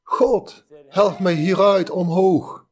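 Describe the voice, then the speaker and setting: A man voicing a desperate man hanging from a cliff, shouting and pleading for help. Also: sits high, fairly even intonation, takes it slowly, pitched above the performer's own voice.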